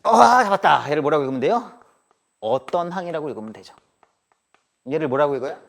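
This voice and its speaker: A slightly high-pitched man teaches a live math class, tossing rhetorical questions at the room and checking in with a firm "got it?". He swings between polite phrasing and casual banter with his students. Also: lively intonation, quick pace. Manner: mixes polite and casual speech, drills with "알겠습니까?".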